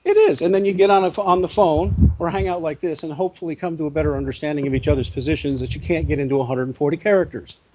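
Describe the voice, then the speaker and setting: A man arguing as a guest on a call, halting and correcting himself, his voice cracking when riled. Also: on the high side, fairly even intonation, darkish tone, highs cut off, slight background noise. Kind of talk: heated debate on a call.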